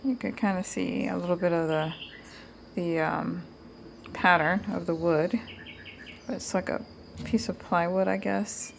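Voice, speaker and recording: A woman's voice: on the low side, fairly even intonation, unhurried, creaky, long pauses, a little hiss or hum. A woman giving a casual hands-on DIY demonstration to viewers, informal and thinking aloud as she goes. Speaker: DIY tutorial host.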